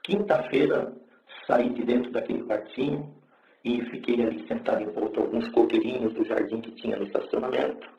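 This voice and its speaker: A man's voice: mid-range voice, steady tone, brisk, gravelly, roomy sound, lo-fi sound, slight background noise. A man giving a fervent religious testimony to a congregation, telling his story and rising into exclaimed praise. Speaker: church member giving testimony.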